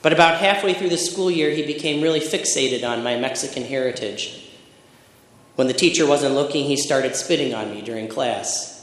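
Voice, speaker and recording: A middle-aged man from Michigan is preaching a sermon. He moves through personal stories at a steady, reflective pace and builds emphatic lists. His voice rings around a reverberant hall. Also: medium pitch, normal speed. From Michigan, USA. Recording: echoey hall with long reverb.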